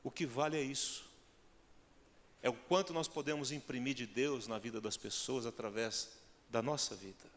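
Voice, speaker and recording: A man's voice: mid-range voice, normal speed. A male pastor with a Brazilian accent preaching a sermon, firing rhetorical questions at the congregation and building to emphatic peaks. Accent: Brazilian Portuguese. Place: church hall. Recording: long church hall reverb.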